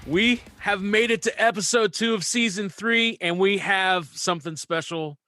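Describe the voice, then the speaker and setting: A man's voice: sits high, normal speed, bright, forceful tone, soft background music. A man from West Virginia hosting a podcast, upbeat and laughing often as he chats casually. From West Virginia, USA. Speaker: podcast host.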